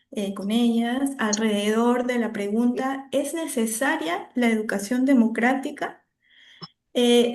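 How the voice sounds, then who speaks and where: A woman from Peru moderates an online talk over a video call. Her voice is a touch high, and she speaks in a friendly, welcoming way, with ehs and ums between phrases.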